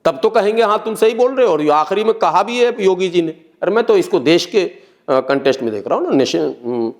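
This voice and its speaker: High-voiced man explaining earnestly. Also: expressive, a little fast. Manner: earnest, explaining with repeated phrases. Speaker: interview guest. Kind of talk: political interview talk.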